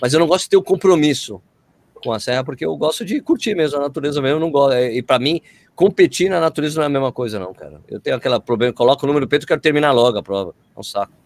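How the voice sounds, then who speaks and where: Speaking at a racing pace in a mid-range voice with no echo, a man with a Brazilian Portuguese accent appears as a guest, a creator of running videos. He chats casually and tells stories in slangy, everyday speech.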